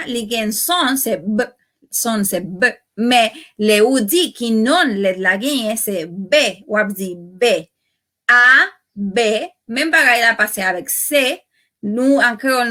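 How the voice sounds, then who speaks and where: A woman with a Haitian accent teaches a language lesson in a bright, clear voice that sits a little high. She explains step by step and repeats each example word carefully, stressing the right syllable.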